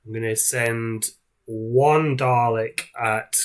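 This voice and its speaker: Brief: male card player on a patchy call, voice cutting in and out, mid pitch, chatty filler-heavy explaining. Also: fairly even intonation, slow pace. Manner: explains plays step by step with many fillers. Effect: voice cutting in and out on an online call. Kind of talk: casual game chat over a video call. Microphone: online call microphone.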